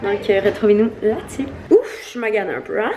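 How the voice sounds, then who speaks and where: A woman's voice: mid-range voice, lively intonation, fairly quick, mellow, slight background noise. A young woman with a Québécois French accent, vlogging casually and mixing in English words. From Quebec. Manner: chatty, mixes in English words. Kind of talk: casual vlog.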